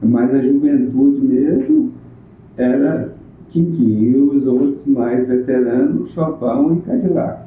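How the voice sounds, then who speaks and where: A man, recalling local history in a plainspoken, unhurried casual interview. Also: mid-range voice, slight background noise. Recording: echoey room on a tinny phone-like line.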